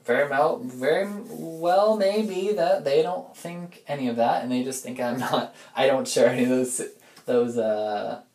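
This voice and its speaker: Recording an informal audio log, a man reflects aloud, wandering off his point and finding it again as he feels his way through thoughts. He speaks a little slowly, with a mellow, medium-pitched voice. The recording has room echo.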